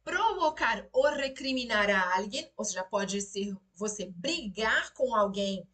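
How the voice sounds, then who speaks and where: A woman's voice: fairly high pitch, expressive, a little slow, a bit bright. A woman teaching a casual live lesson on song lyrics, explaining in a chatty way and checking in often with her listeners, recorded on a phone set a little away from her. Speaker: Spanish teacher.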